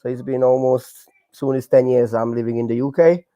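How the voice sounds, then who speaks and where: A man in his forties from Hungary with a Hungarian accent, telling his story in a casual interview with many fillers and halting non-native grammar. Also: medium pitch, level tone, dark tone, no room sound, lo-fi sound. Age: 40s. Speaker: guest, breakdancer.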